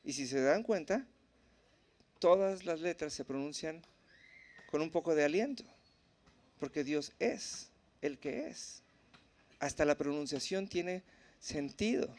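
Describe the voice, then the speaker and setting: A man teaching at a church in a relaxed, conversational way, often checking in with the congregation. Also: fairly high pitch, slow, pauses often. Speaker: preacher.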